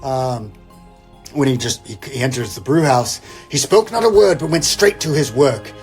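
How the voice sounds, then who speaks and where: Over instrumental Christmas music, a guest reader performs a comedic poem, delivering the verse theatrically and slipping into casual, irreverent jokes. His voice is medium-pitched and his speed normal, with a wry manner throughout.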